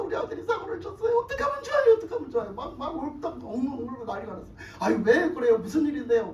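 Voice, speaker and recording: A woman's voice: fairly high pitch, slight background noise. A woman pastor preaching in a colloquial storytelling style, often laughing and acting out quotes. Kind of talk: storytelling sermon. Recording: roomy church hall, distant mic, faint ambience.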